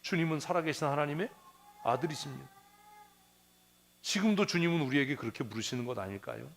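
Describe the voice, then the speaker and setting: A man's voice: on the high side, expressive, fast talker, creaky. A male pastor preaching a sermon in a church, asking the congregation questions and answering them himself, repeating phrases for emphasis.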